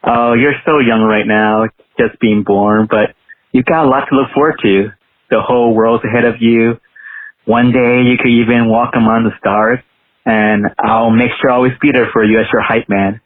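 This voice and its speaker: A man leaving an unhurried, affectionate voicemail message, heard over a landline phone. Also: medium pitch, fairly even intonation, no echo. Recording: tinny phone line voicemail.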